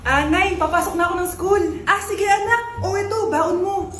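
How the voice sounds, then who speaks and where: Very high-pitched woman, loud skits. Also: moderate pace, background noise. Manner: loud, scolding, animated. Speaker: comedy sketch performer playing many roles. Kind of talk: skit acting.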